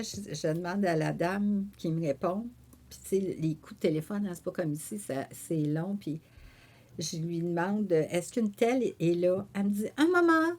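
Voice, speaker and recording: A woman with a Québécois French accent, a painter and author telling a story in an interview. She acts out her own quoted remarks and fills pauses with "euh" and "tu sais.". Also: fairly low pitch. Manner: animated storyteller who voices her own quoted remarks, with frequent fillers. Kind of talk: conversational storytelling.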